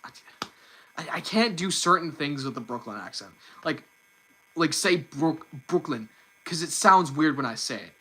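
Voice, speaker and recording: Young guy streaming, bright slightly high voice, fast, keeps repeating words. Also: expressive, husky, rough recording. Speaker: livestream host. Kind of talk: casual live-stream chat.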